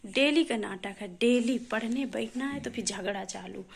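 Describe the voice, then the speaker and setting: A woman's voice: a little high, normal speed, vocal fry. A mother in her thirties recording a casual home vlog, chattily recounting a family squabble to the camera. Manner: chatty, recounting a household scuffle with a laugh. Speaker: mother and vlogger. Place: home, indoors.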